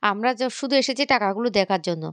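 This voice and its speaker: A woman's voice: medium pitch, fast, fairly bright tone, no room sound, close to an everyday voice. A woman reading the lines of a stern older mother-in-law in a story recap, in a scolding, insistent manner.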